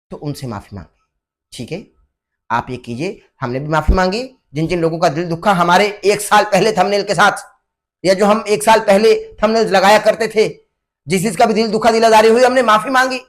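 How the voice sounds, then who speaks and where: A man's voice: high voice, moderate pace. A man speaking to camera in a preachy, repetitive way, issuing a challenge and urging someone to repent. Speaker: online religious commentator and vlogger. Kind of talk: direct-to-camera challenge vlog.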